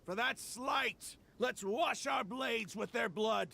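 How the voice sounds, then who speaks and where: Sneering, gravelly, overacted mercenary villain. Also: male voice, extremely high pitch, slow pace, crowd noise, heavily acted. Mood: mock-wistful, menacing. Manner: overacted, sneering, theatrical delivery. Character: villainous mercenary leader, sneering, defiant, theatrical man. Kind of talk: video game voice acting.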